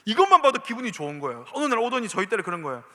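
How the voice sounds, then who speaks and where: A male pastor with a Gyeongsang accent preaching a sermon, animated and full of questions to the listeners. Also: sits high, very fast. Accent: Gyeongsang dialect. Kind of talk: sermon to a youth congregation. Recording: echoey church hall reverb.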